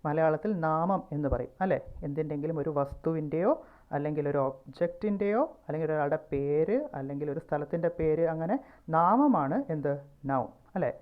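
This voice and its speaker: A low-voiced woman with a Malayali accent teaches pronunciation over phone-quality audio. She talks slowly and repeats words so listeners can hear where the stress lands.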